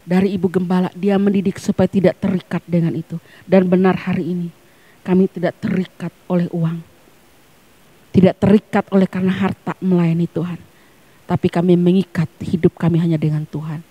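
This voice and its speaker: A woman pastor preaching a sermon at a church service. She is emphatic, swinging between hushed near-whispers and loud, fervent peaks. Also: lowish voice, breathy edge, dry recording.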